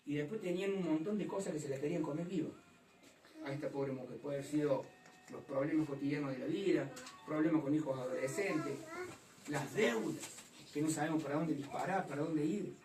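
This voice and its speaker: A woman preaching a fervent sermon to a congregation, rising to loud emphatic passages. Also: sits low, fairly quick, soft background music. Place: church hall. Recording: echoey hall from far off.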